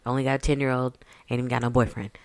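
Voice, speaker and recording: A woman's voice: extremely low pitch, little pitch movement, racing, a little mellow. A woman, co-hosting a podcast in loose, chatty talk and laughing often. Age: 30s. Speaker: podcast co-host. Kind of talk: casual chat.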